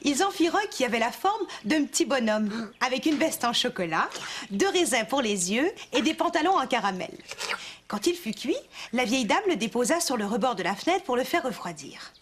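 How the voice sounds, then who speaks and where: A woman with a Quebec French accent reading a children's story aloud as a mother, with animated expression, in a kids' cartoon. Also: a little high, moderate pace, a little hiss or hum.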